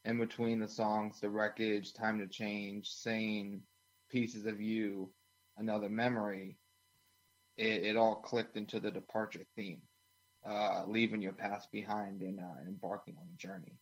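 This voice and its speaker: A man's voice: fairly low pitch, unhurried, low-quality recording. A man from Washington, D.C., a band drummer and interview guest, answering casually with many uhs between phrases. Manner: relaxed, filler-heavy, uh between phrases.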